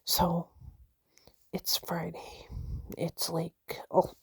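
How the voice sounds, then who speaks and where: A woman whispering a personal vlog, nervous and shaky, halting with many fillers and restarts. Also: lowish voice, monotone, gravelly, breathy edge, no room sound, clean studio sound. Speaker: vlogger.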